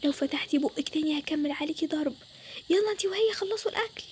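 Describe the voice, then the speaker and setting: Young woman doing a yelling Egyptian mother. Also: sits high, rapid-fire, a little hiss or hum, lightly acted. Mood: scolding. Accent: Egyptian Arabic. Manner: scolding, loud, harsh. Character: strict yelling mother, short-tempered and threatening. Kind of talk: storytelling with toy game figures.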